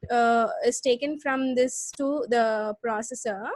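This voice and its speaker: A woman with a South Indian accent teaching a live online class, explaining step by step with repeats and halting restarts. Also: on the high side, fairly even intonation, darkish tone, no room sound, clean studio sound. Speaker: computer science lecturer. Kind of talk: live online lesson with check questions.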